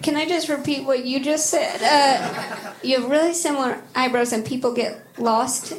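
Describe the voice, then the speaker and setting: A woman doing a stand-up comedy set, rambling and self-deprecating, with halting restarts and crowd work. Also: high-pitched, noisy background. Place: comedy club stage. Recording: echoey club with loud crowd laughter. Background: audience laughter.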